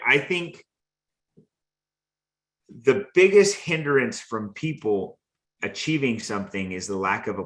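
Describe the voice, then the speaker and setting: A man with a lowish voice delivers an earnest motivational talk to his listeners. He leans on repetition, circling back to the same phrases to drive each point home. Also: fairly bright tone. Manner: earnest, preachy, repeats phrases for emphasis. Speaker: host.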